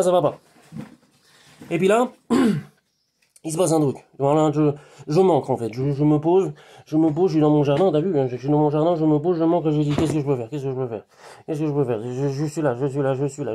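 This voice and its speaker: A man from France records a rambling vlog outdoors in his garden, talking at a fast clip and circling back over his own phrases. His voice sits a little high but has a mellow, relaxed timbre. He addresses the viewer warmly as a friend, with animated, repetitive emphasis. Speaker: hypnotherapist vlogger. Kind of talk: rambling direct-to-camera monologue.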